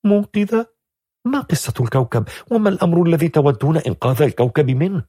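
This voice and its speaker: Guy putting on a scared young woman, way higher, shaky and pleading, husky breathy tone. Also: animated, fast, warm tone, dry recording, studio quality. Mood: bewildered. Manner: tense, trembling and pleading. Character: frightened young woman accused of theft.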